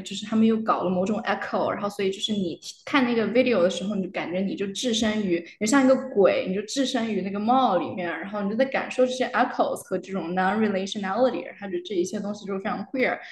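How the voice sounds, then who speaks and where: Young woman, academic guest, casual chat, mixes two languages, lots of fillers, roomy echo. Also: mid-range voice. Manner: switches between Chinese and English mid-sentence with many fillers. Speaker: guest, doctoral candidate. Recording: roomy with faint noise.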